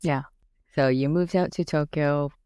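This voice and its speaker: Low-voiced woman hosting a podcast. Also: fairly even intonation, a little slow, warm tone, smooth, dry recording, studio quality. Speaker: podcast host. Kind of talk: scripted intro, then interview chat.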